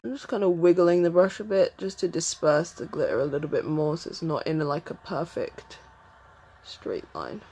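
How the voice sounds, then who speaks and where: A woman vlogger talking through a makeup tutorial step by step in a chatty way, sometimes dropping to a soft murmur while she concentrates. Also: deep voice, animated, moderate pace, husky.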